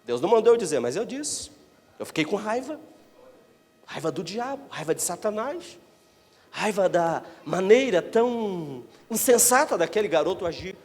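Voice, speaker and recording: A man preaching a Pentecostal sermon as pastor, emphatic, swinging between shouted declarations and hushed asides. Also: high-pitched, very animated, normal speed, big-room sound. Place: church.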